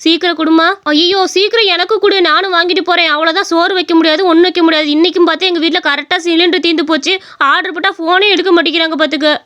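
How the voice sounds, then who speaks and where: A woman's voice: very high voice, steady tone, very fast, sharp tone. A woman voicing a pushy village neighbor in a cartoon story, urgent and pleading.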